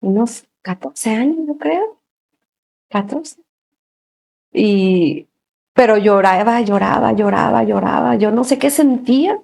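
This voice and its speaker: A woman gives a personal faith testimony as an interview guest, a lively storyteller who laughs often and fills her talk with little pauses. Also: on the high side, creaky.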